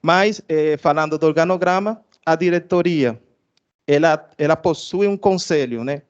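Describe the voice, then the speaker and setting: A man with a Cuban Spanish accent presents to an audience at an institutional event, his voice smooth, resonant and a little higher than most men's. He hesitates often, filling the pauses with drawn-out filler sounds. The audio is dull and lo-fi. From Cuba. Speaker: research director giving an institutional presentation.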